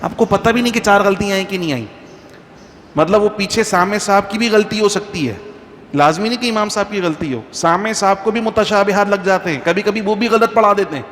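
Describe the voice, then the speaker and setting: A man's voice: high voice, fairly bright tone. A man, a mufti, giving an informal religious talk to a congregation in a mosque, conversational and full of anecdotes. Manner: conversational, anecdotal, chants Quranic verses slowly. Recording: faint background noise, long reverb.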